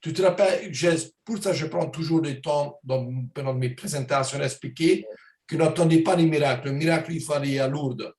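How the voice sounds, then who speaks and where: A man's voice: on the high side, brisk, darkish tone, roomy sound. A man leading a conversation with a parent, encouraging and reassuring, who later explains at length that results take time. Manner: encouraging, short enthusiastic replies. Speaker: interviewer and product presenter. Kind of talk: casual conversation.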